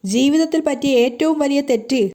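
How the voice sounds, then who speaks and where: A woman voicing a sharp-tongued young wife who stages a ruse, teasing at first and then cold and defiant, in a storytelling reading. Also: sits high, normal speed, close to an everyday voice. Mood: bitter.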